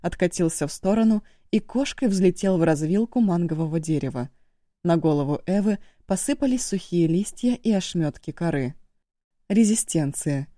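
A woman reading an audiobook as narrator, in steady scripted narration. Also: on the low side, dry recording, clean studio sound.

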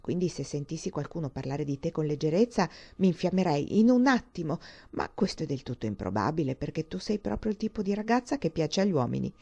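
Woman reader doing a gushing young woman, gossipy, confiding, theatrical, warm dark tone, dramatized audiobook. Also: low-pitched, sing-song, a little fast, vocal fry, few pauses, husky, highs cut off, pitched below the performer's own voice, heavily acted.

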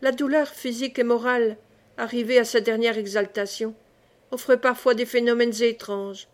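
A woman reading a historical novel aloud in slow, deliberate, dramatic narration. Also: a little high, steady tone. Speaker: audiobook reader.

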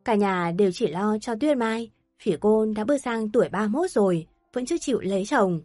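A woman narrating an audio story with steady, even storytelling. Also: medium pitch, a little fast, dry recording, studio quality.

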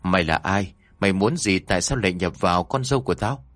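A man voicing an elderly village exorcist, a stern grandfather who interrogates a spirit and chants incantations forcefully. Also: sits low, quick pace, no echo. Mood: interrogating. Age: older.

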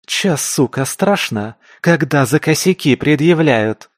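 A man's voice: fairly high pitch, lively intonation, slow, no echo, studio quality, voice pushed up. A man voicing a fierce, crude female mutant fighter who snarls threats in street slang. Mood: menacing.

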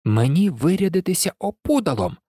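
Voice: mid-range voice, big pitch swings, fairly quick, mellow, no echo, clean studio sound, pitched above the performer's own voice. A reader voicing a sly young fox in a storybook, muttering and plotting to himself. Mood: scheming.

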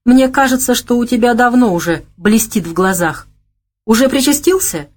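A woman's voice: normal speed, natural voice. Lady reader doing a coy teasing young gal, sly and stubborn, voice bounces around a lot. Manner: teasing, coy, high and lively.

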